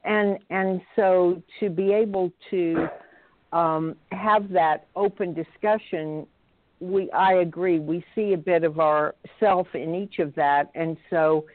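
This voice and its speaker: A woman caller to a radio show, chatting warmly over the phone and musing aloud, laughing easily as she shares her thoughts. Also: lowish voice, fairly even intonation, slow, dry recording. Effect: caller heard over a phone line. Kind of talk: casual call-in chat. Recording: dry, tinny phone line.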